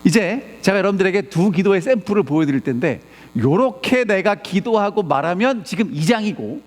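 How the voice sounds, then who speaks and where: A man's voice: sits high, moderate pace. A man preaching a sermon as pastor, questioning his congregation again and again. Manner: animated, peppers the congregation with rhetorical questions. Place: church sanctuary. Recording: long church reverb.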